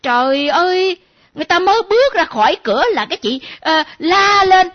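An actress playing a nosy younger female friend who teases and mocks in a lively way. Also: extremely high pitch, fairly quick. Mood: teasing. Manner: teasing, lively, mimicking. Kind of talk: comedy sketch acting. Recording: dull lo-fi recording.

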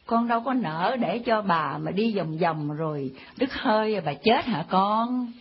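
An actress playing a cantankerous old grandmother who scolds and insults, with a husky voice. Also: high-pitched, animated, normal speed. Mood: mock-sweet. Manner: scolding, insulting, mock-sweet. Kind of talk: comedy skit acting. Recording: dull lo-fi recording.

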